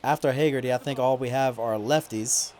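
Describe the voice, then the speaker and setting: A man giving casual play-by-play commentary over his video game, mostly relaxed and now and then complaining loudly about calls. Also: mid-range voice, brisk, a little hiss or hum. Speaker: gaming YouTuber.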